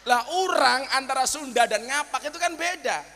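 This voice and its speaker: A man's voice: very high-pitched, animated, moderate pace, bright, forceful tone, a little hiss or hum. A man with a Javanese accent preaching a humorous sermon to a crowd, joking and telling stories as he switches between dialects. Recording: long hall reverb.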